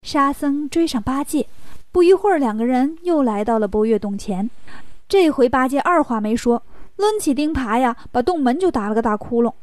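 A woman telling a children's story with a high, bright-pitched voice and a lively, playful lilt. The recording is dry and close, with no room sound at all. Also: normal speed, dry recording.

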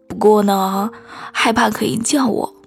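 Woman doing a gentle teasing big cat. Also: medium pitch, fairly even intonation, unhurried, creaky, breathy edge, soft background music. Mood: tender. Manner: soft, teasing, tender. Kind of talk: whispered role-play.

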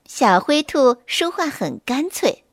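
High-voiced woman reading a children's story. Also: slow, no room sound, clean studio sound. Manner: clear, expressive storybook delivery.

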